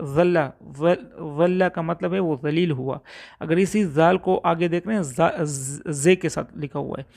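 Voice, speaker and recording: Male religious teacher, slightly high gravelly voice, patient explanatory recitation lesson that repeats letters slowly. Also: darkish tone. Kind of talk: Urdu Quran recitation lesson.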